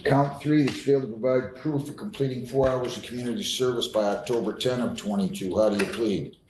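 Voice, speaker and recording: A man's voice: medium pitch, a little fast, darkish tone. An American man presides as a judge in a courtroom, speaking in a firm, formal way. He lays out procedure and puts plain questions. The room is echoey, with faint noise behind him. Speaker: judge presiding over hearings.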